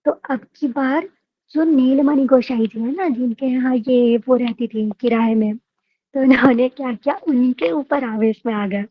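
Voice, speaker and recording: A woman's voice: sits high, no room sound, lo-fi sound. A woman telling a devotional story with emotive delivery, repeating phrases for effect.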